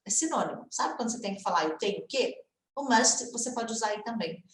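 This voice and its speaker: A woman's voice: fairly high pitch, expressive, brisk, roomy sound. A woman from Brazil teaching an English lesson online in Portuguese, chatty and encouraging, often checking in with her students.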